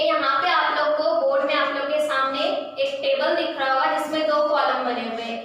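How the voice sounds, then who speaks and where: A woman teaching a lesson to young children, explaining slowly and patiently and drawing out each sound. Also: high voice, pushed and bright, a little hiss or hum. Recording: echoey room recorded from a distance.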